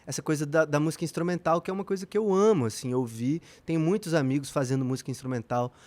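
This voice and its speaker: Reflective Brazilian musician guest, slightly high. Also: male voice, fast, a little mellow. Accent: Brazilian Portuguese. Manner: reflective, rambling with many fillers. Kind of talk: casual podcast interview.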